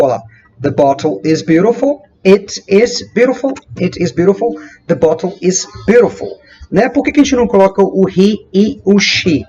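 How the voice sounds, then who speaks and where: A man from Brazil teaching English grammar, lively and repeating example sentences slowly and with emphasis. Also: high voice, muffled recording. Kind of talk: explaining grammar at a whiteboard.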